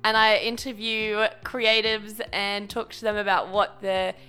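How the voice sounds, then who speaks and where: A woman's voice: medium pitch, level tone, unhurried, pushed and bright, smooth, faint music behind. A young woman who is a podcast guest, telling stories chattily with lots of "like" and easy laughter. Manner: chatty, laughing storyteller, uses like a lot. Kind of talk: casual podcast chat.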